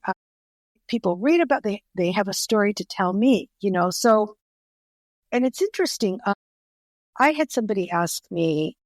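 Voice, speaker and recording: Telling stories in an interview as a guest author, an older woman whose native language is Greek speaks earnestly and keeps restarting her phrases. Her medium-pitched voice is a little mellow, and the recording is dry.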